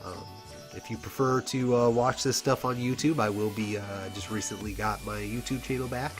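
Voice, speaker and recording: Male caster, low voice, stuffy from a cold, relaxed chatty play-by-play over loud game music. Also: normal speed. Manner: casual, chatty, laughs often, many fillers. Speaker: esports commentator. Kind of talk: solo play-by-play commentary.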